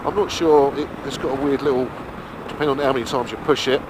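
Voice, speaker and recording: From inside his helmet, a man delivers colloquial, unhurried review commentary as he rides a motorbike, speaking at a medium pitch with a steady tone. The helmet mic is muffled, and wind and engine noise are clearly audible.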